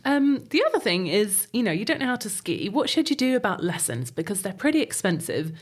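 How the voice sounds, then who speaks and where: A woman's voice: mid-range voice, sing-song, brisk, slightly rough. A woman chatting casually and informally as an interviewer and co-presenter. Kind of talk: casual chat.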